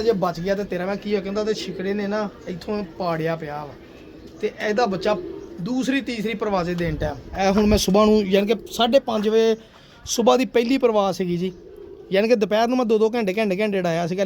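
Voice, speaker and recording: A man's voice: sits high, darkish tone, slight background noise. Chatty man showing off his pigeons. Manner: chatty and boastful, often addressing viewers as brothers and sir. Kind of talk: casual vlog talk to viewers. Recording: faint pigeon coos and outdoor ambience. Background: pigeons cooing.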